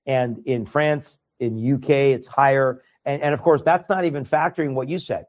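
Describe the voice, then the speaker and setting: This is a man from Iran, a native Farsi speaker, talking as an interview guest at an ordinary mid-range pitch. He speaks earnestly and tends to stumble and repeat words at the start of phrases. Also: moderate pace, muffled recording. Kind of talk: conversational interview.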